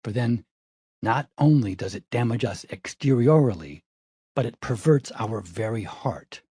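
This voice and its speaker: Husky-voiced man reading an audiobook. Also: medium pitch, no echo, clean studio sound. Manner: calm, measured reading. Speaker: audiobook narrator. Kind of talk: scripted audiobook narration.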